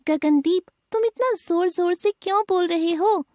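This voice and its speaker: A woman voicing a high, bright schoolgirl. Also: unhurried, no echo, studio quality. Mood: cheerful, explaining. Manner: high childlike voice, explaining sweetly. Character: schoolgirl Riya, polite and patient. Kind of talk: textbook dialogue reading.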